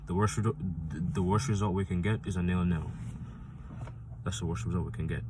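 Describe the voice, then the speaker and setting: Deep-voiced man rambling through his picks. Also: steady tone, fairly quick, noisy background. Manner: rambling, frequent restarts and fillers; insistent, repeats points for emphasis. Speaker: football fan channel host. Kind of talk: casual fan prediction vlog.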